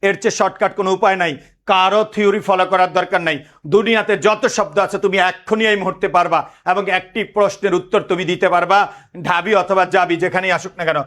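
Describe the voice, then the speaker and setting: A man's voice: high voice, fairly bright tone. A man gives a lecture. He keeps asking his students questions and repeating the answers. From Bangladesh. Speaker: teacher.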